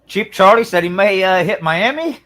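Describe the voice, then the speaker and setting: Speaking at normal speed in a high, slightly bright voice with lively intonation, a male livestream host trades crude, profane banter with his viewers. He mumbles to himself as he clicks around and fiddles with the screen.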